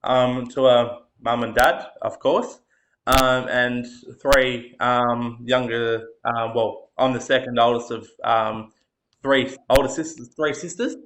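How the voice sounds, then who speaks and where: A man's voice: mid-range voice, steady tone, takes it slowly, a bit bright. Australian man, late 20s, earnest and hesitant guest storyteller, slightly dull recording. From Tasmania, Australia. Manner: hesitant, lots of ums, earnest. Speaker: podcast guest. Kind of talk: personal storytelling.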